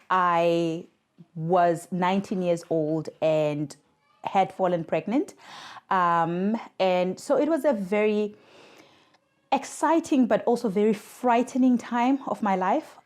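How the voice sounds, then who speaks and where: Speaking slowly with lively intonation, a woman with a medium-pitched, slightly mellow voice recounts her personal story in a podcast interview. She is South African, in her thirties, works in communications for a mothers' charity, and joins remotely, sounding earnest and reflective.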